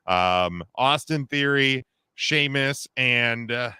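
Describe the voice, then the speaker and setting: A man's voice: mid-range voice, expressive, takes it slowly, pushed and bright, clean tone, no room sound, clean studio sound. A man in his thirties hosting a casual wrestling podcast, joking with co-hosts and reading the news with lots of fillers. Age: 30s. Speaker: podcast host.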